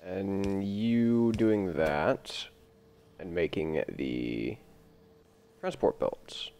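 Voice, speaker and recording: Groggy after an early morning session, a male gameplay video host rambles through casual commentary and chats with the machines he builds. His voice is deep, gravelly, and darkish, delivered extremely slowly, with a little hiss or hum on the recording.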